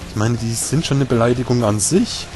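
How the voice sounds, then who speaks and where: A man's voice: medium pitch, brisk, over music. A young man giving casual, sarcastic commentary while playing a video game, grumbling at his companion. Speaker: let's player.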